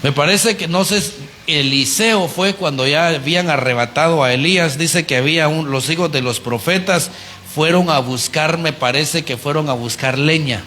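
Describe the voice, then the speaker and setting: A man preaching a conversational sermon, animated and often putting rhetorical questions to the congregation. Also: on the high side, normal speed, a little hiss or hum.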